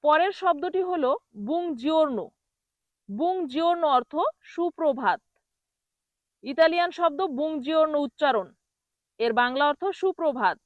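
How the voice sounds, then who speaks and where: A woman teaching pronunciation, repeating each word slowly and quizzing the listener. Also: sits high, expressive, no room sound. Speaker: language teacher. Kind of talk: pronunciation lesson.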